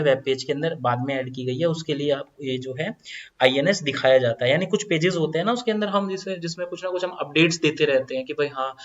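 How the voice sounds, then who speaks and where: A man's voice: a little high, a bit bright. Man teaching code over a dull lo-fi mic. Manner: explaining step by step, repeats phrases. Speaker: coding tutorial teacher. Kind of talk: screen-recorded coding lesson.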